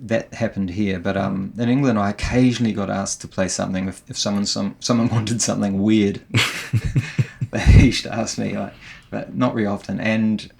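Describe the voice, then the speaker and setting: A man's voice: on the low side, normal speed, creaky. A middle-aged man with a New Zealand accent, chatting casually as a guest guitarist, laughing easily and restarting his sentences. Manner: relaxed, self-deprecating, laughs often, many restarts. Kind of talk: casual interview chat.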